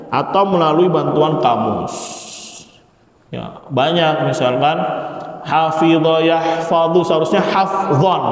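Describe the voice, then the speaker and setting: A man teaching an Arabic grammar class in a mosque, asking the class questions and chanting word patterns. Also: a little high. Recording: very echoey hall.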